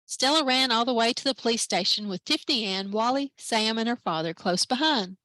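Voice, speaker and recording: A woman librarian reading a children's picture book aloud at story time, lively and expressive. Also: fairly high pitch, a little fast, dry recording, low-quality recording. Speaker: library branch manager, story time reader.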